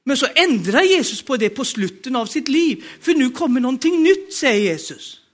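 A man's voice: very high-pitched, very animated. A man with a Norwegian accent preaching a sermon, emphatic and urging the congregation to respond.

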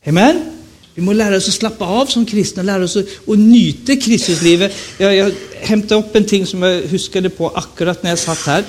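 At a revival meeting, a high-voiced evangelist from Sweden, aged in his fifties and speaking with a Stockholm accent, preaches in a chatty way. He cracks jokes and frequently questions the crowd.

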